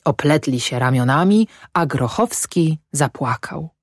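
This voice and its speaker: Low-voiced, slow woman narrator. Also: dry recording, clean studio sound. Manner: calm, unhurried reading. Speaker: audiobook narrator. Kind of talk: scripted narration.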